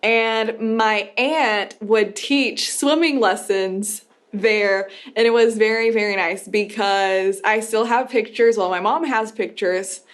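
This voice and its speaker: A young woman from the United States, chatty and animated, giving a casual video lesson on English as a teacher. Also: medium pitch, slow. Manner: chatty and animated, lots of fillers; lively, playful teaching tone.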